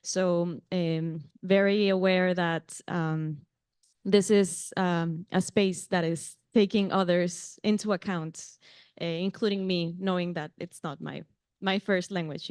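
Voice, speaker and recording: A native Spanish speaker from Mexico moderates a conference panel in English with a Mexican Spanish accent. She is warm and laughs lightly, with frequent ums and restarts. Her medium-pitched voice has a clean tone in studio-quality audio with no room sound, though the setting is a conference venue.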